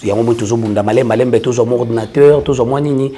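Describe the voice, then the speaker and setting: A man's voice: mid-range voice, steady tone, fast, dark tone. A man, a church prophet explaining his work in an earnest casual interview. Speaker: church prophet and orphanage founder.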